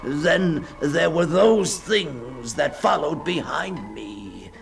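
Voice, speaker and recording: Faint music sits behind an animated, creaky male voice on the high side, a full character voice from an actor playing a terrified, desperate climber describing his nightmare escape. The mood is haunted dread in this 1960s radio dramatic monologue of a fantasy tale, heard on a noisy recording. He speaks theatrically and haltingly, gasping, shifting between whispers and cries.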